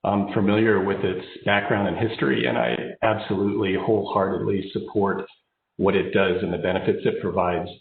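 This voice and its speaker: A deep, creaky voice comes through narrow, phone-like audio with roomy echo and a little hiss or hum. It belongs to a man in his fifties, an American engineering executive born in Japan and raised overseas before the United States, giving a remote keynote that's informal and personal. He has a slight head cold and a flat, brisk delivery.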